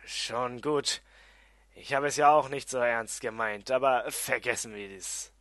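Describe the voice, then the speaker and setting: A man's voice: medium pitch, fairly even intonation, a little slow, no echo, lightly acted. A man voicing a small, irritable male dwarf prisoner in an audiobook. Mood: annoyed. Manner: irritable, loud.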